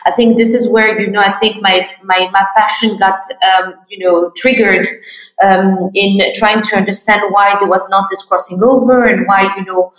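A woman's voice: medium pitch, fairly even intonation, moderate pace, fairly bright tone. A middle-aged woman from Morocco, founder of an art fair, answering interview questions in a hesitant way full of fillers and restarts. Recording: roomy distant mic.

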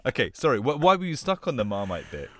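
A man's voice: mid-range voice, sing-song, quick pace, dry recording. A man co-hosting a medical podcast, chatting in an eager, teasing way. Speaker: podcast co-host, regional anesthesia doctor. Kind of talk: casual podcast chat.

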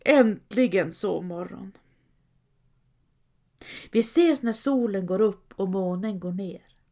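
A woman reading a storybook, voicing the weary, pessimistic old knight Don Quijote in a soft, hushed, gentle way. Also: mid-range voice, close to an everyday voice. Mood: melancholy. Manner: gentle, melancholy, reassuring.

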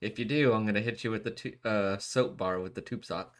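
A man's voice: on the low side, fairly quick. A man hosting a show in casual podcast chat, slangy and freely swearing. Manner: profane, slangy. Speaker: show host.

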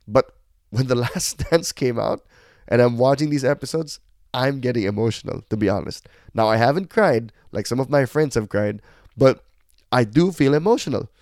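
A man's voice: mid-range voice, expressive, moderate pace, darkish tone, no echo, studio quality. A middle-aged man, hosting a reflective podcast monologue in a candid, self-deprecating, conversational way. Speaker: podcast host.

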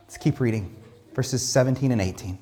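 The pastor's voice is mellow and mid-range, moving at a moderate pace. Between comments he reads scripture aloud, and his casual teaching builds emphatic arguments through repeated phrases and lots of "like" fillers.

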